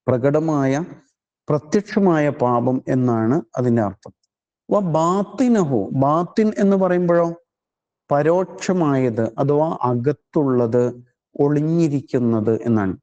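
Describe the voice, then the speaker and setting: A man's voice: on the high side, dark tone, lo-fi sound. A man teaching a scripture study class, methodically explaining the meaning of Arabic words one at a time. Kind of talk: religious study lesson.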